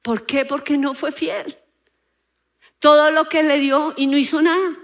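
A woman's voice: high voice, measured pace. A woman preaching a sermon in an auditorium, acting out quotes and asking the audience questions. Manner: animated, acts out quotes, asks the audience questions.

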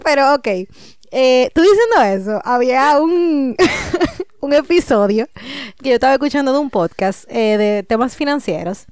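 A woman co-hosting a podcast in casual chat, animated and emphatic, laughing often. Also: high voice, normal speed, smooth, no echo, clean studio sound. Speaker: podcast co-host.

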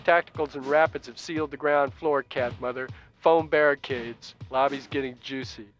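A man's voice: medium pitch, steady tone, normal speed, a bit bright, faint music behind, close to an everyday voice. Man doing a murmuring laconic link operator. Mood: calm. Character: calm laconic male radio link operator.

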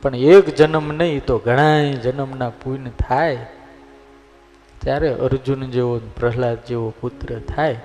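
Man, swami sermon, folksy storytelling, echoey hall, soft music. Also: mid-range voice, fairly even intonation, measured pace. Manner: folksy, storytelling, asks listeners for agreement. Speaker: swami preacher. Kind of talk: sermon with humorous stories.

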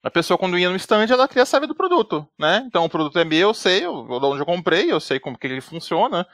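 Podcast co-host, man, rapid rambling chat, slightly high gravelly voice, acts out quotes. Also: no room sound, clean studio sound. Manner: rambling, peppers speech with "né" and "tipo", restarts often; animated, acts out quoted dialogue. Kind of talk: casual chat.

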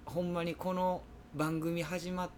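A man's voice: sits high, flat delivery, measured pace, a little hiss or hum. A man with a Kansai accent hosting a casual podcast chat, laughing often and tripping over tongue twisters. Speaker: podcast host.

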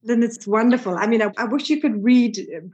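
A woman interviewing an author, asking measured, encouraging questions. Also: a little high, darkish tone, dull audio.

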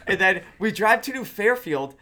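A man's voice: sits high, animated, normal speed, pushed and bright, slight background noise. A man in his forties telling a wild story in casual, profane chat, laughing often and putting on voices for the people he quotes. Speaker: podcast guest.

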